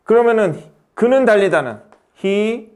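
Male English tutor, high-pitched, brisk, keeps quizzing the student. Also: lively intonation, darkish tone, clear, resonant tone. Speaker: English teacher. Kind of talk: grammar lesson.

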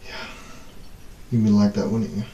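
A man in his twenties hosting a casual stunt vlog, talking in halting bursts and exclamations as he deals with the cold. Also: fairly low pitch, monotone, warm tone, dull audio. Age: 20s. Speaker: video host. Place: small bathroom, in the tub, filmed by another person's handheld camera. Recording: echoey bathroom with noticeable background noise.

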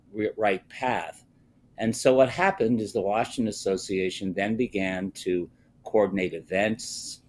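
Slow, low-voiced older man. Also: darkish tone. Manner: slow, measured, frequent "uh" pauses. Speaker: guest. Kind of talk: live TV interview over video call. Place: indoors, wood-panelled office with bookshelves. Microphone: video call, webcam close up.

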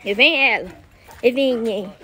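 A woman's voice: on the high side, measured pace, pushed and bright. A woman vlogging outdoors on a farm, chatting to her viewers and coaxing animals with repeated calls, recorded on a phone camera. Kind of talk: casual farm vlog.

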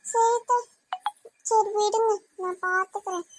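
Cartoon daughter-in-law, voiced by a woman, very high and sweet, Tirunelveli Tamil accent, polite. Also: fairly even intonation, a little slow, soft background music. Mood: earnest.

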